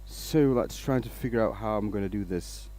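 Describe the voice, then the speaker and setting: A man's voice: lowish voice, moderate pace, dark tone. A man from Denmark, hosting a casual woodturning livestream, rambling along and greeting viewers by name.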